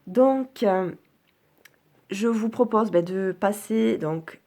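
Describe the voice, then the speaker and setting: A woman's voice: mid-range voice, slow. A French woman presenting a card deck in a casual video, hesitant and earnest, with many fillers and restarts. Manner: soft, earnest, enthusiastic. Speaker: oracle card reviewer. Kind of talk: casual spoken product presentation.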